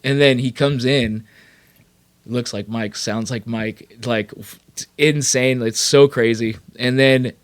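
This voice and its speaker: A man from California, a rapper and producer, telling his career story as a podcast guest in a loose, animated way full of fillers and swearing. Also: medium pitch, slow pace. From Sacramento, California. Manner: animated, profane, lots of fillers. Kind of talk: casual storytelling.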